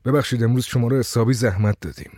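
A man's voice: medium pitch, a little mellow, no echo, clean studio sound, close to an everyday voice. A man reading a story voices a courteous, hesitant young husband. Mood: polite. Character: polite, uneasy young husband.

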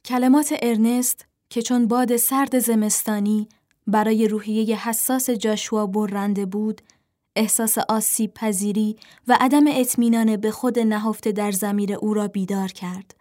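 A woman reading a fable aloud in calm, measured scripted narration. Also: mid-range voice. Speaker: storyteller.

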